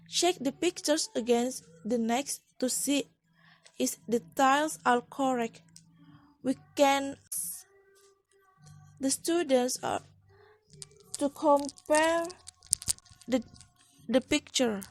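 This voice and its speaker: A young woman with an Indonesian accent, slowly and carefully reading a student class presentation, restarting words now and then. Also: sits high, no room sound. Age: young adult.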